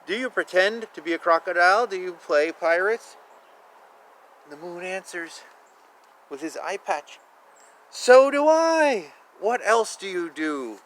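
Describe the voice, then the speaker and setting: Outdoors, a man reads a picture book to young children, playful and chatty, exclaiming, adding asides, and stretching words for emphasis. His high, animated, slightly bright voice moves at a measured pace, captured in a low-quality recording with faint outdoor ambience.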